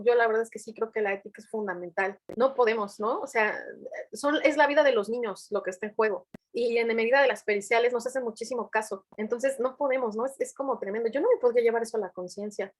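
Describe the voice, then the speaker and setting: A woman's voice: a little high, fairly quick. A woman forensic psychologist speaking on a video call, telling stories animatedly and acting out the people she quotes. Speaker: forensic psychologist in family court. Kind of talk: panel discussion over video call.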